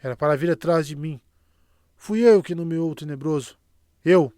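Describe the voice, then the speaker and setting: A man reading the lines of a frightened, guilt-ridden young man in a halting, worried way. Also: a little high, dark tone, dry recording, studio quality, close to an everyday voice. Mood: anxious.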